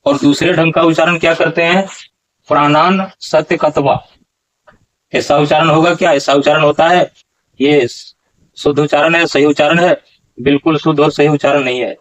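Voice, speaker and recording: A man teaching how to pronounce a Gita verse. He talks slowly, asks questions and corrects recitations. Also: fairly high pitch, steady tone, poor audio. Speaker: Sanskrit pronunciation teacher.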